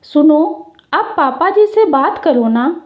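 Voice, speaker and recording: A woman's voice: high-pitched, lively intonation, takes it slowly, narrow, tinny audio. A woman voicing a caring young daughter-in-law who speaks politely and hesitantly. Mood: worried, hesitant.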